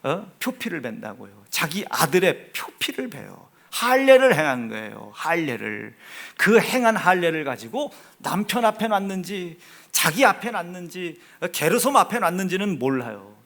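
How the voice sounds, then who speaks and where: Korean male pastor with a Chungcheong accent; high, highly animated voice; dramatic sermon delivery from whispers to loud exhortation. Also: normal speed, vocal fry, few pauses. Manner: swings from hushed asides to loud emphatic preaching. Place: church sanctuary.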